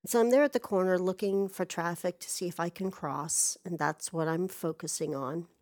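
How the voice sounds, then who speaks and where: A woman's voice: on the low side, moderate pace, darkish tone. A woman casually telling a personal story, rambling and exasperated, swearing freely.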